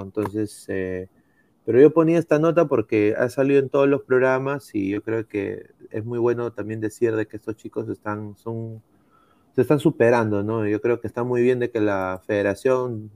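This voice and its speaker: A man's voice: lowish voice, vocal fry, darkish tone, dry recording. A man with a Peruvian accent co-hosting a casual sports talk show in a slangy, conversational way.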